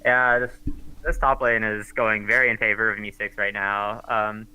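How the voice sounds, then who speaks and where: A man's voice: on the low side, flat delivery, moderate pace, pushed and bright, clear, resonant tone, poor audio. A man giving casual, hesitant color commentary on a live esports match, with lots of fillers.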